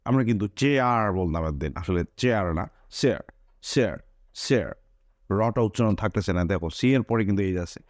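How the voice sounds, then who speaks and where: A man's voice: lowish voice, lively intonation, racing, few pauses, no room sound, studio quality. A man teaching English pronunciation, repeating each example word several times and pointing things out. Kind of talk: spoken English pronunciation lesson.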